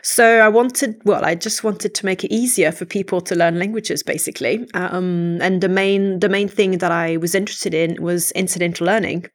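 Low-pitched woman. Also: fairly even intonation. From Quebec, Canada. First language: French. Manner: thoughtful, measured storytelling with frequent hesitations. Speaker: psychology lecturer and podcast co-host. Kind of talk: podcast conversation.

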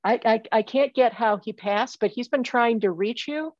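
A woman's voice: fairly high pitch, normal speed, dry recording, muffled recording. A woman giving a psychic reading over a remote call, earnest and insistent, often stopping and repeating her phrases. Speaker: psychic medium.

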